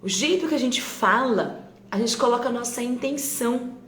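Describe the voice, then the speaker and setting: A woman's voice: fairly high pitch, expressive, normal speed, fairly bright tone, a little hiss or hum. Brazilian woman teaching parents in a roomy space. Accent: Brazilian Portuguese. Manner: conversational, keeps checking in with tag questions. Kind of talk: live-stream talk to parents. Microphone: phone on a live stream. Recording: roomy echo with faint ambience.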